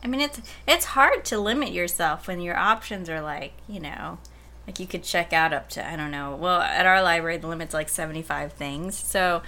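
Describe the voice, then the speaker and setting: Woman, librarian, casual chat, rambling, laughs a lot, bright tone. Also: lowish voice, normal speed. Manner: giggly, rambling.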